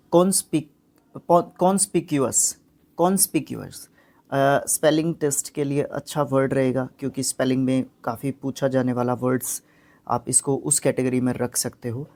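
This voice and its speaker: A man teaching a vocabulary lesson who repeats words and sounds them out slowly, with short fillers between his explanations. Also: mid-range voice, darkish tone.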